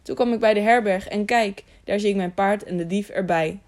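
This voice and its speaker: A woman's voice: mid-range voice, brisk, a little mellow, natural voice. A woman reading a blustering burly man. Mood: angry. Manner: blustering, accusing. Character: hot-headed burly man, angry horse owner. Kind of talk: audiobook character reading.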